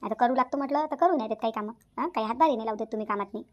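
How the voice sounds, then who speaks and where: A woman's voice: fairly high pitch, racing, a little mellow, muffled recording, close to an everyday voice. A woman doing an eager young cartoon sister-in-law.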